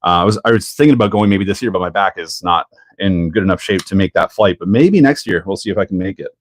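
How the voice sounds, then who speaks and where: A man's voice: low-pitched, fast talker. A Canadian man hosting a live stream, chatting casually while he builds and answering viewers, with frequent laughs. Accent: Canadian English.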